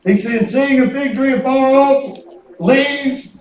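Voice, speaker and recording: High-pitched Southern preacher with a folksy twang. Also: male voice, takes it slowly, a little hiss or hum. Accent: rural Southern US twang. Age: 50s. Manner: excitable, colloquial, chuckles through anecdotes. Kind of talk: folksy, rambling sermon with storytelling. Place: church hall with responding congregation. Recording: echoey church room, distant microphone.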